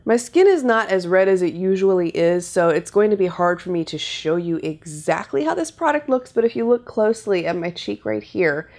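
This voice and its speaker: Speaking expressively at a moderate pace with hardly any pauses, a young woman with a fairly low, slightly mellow voice demonstrates products in a casual makeup tutorial. She's a beauty vlogger filming indoors at home, upbeat and chatty despite a cold that makes her sound nasal.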